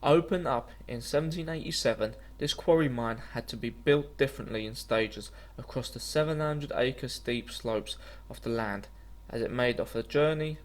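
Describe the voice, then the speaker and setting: A man reading a scripted travel documentary voice-over in an earnest, slightly stumbling way. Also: mid-range voice. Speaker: vlogger narrating a walking trip.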